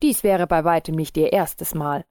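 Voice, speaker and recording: A woman narrating a story in a calm, measured reading. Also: low voice, no echo, clean studio sound. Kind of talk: scripted audiobook narration.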